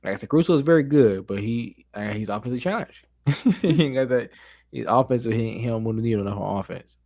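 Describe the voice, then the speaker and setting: A man in a casual sports debate with friends, giving loud, opinionated ribbing in slangy, emphatic phrases and repeating himself for emphasis. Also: mid-range voice, quick pace, vocal fry, no room sound, studio quality. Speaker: sports talk panelist.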